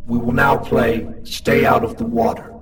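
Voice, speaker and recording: Here is an eerie child monster hosting deadly games in a horror audio story, as a male narrator puts it on. It speaks in slow, flat, commanding announcements, sounding set back from the mic over a clear music bed. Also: mid-range voice, far from the mic. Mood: cold, commanding.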